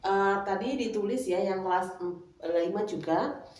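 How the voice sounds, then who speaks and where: A woman's voice: mid-range voice, measured pace, a little mellow, soft background music. Echoey classroom teacher woman. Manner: coaxing, prompting pupils with questions. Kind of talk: classroom lesson. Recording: echoey room, mic far off.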